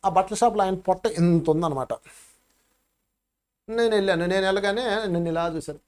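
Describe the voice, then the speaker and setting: A meditation teacher in his fifties gives a spiritual talk to his listeners. He tells his stories in an animated way, dropping his voice low and then rising loud again. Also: fairly quick. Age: 50s. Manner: animated storytelling with sharp swings in loudness.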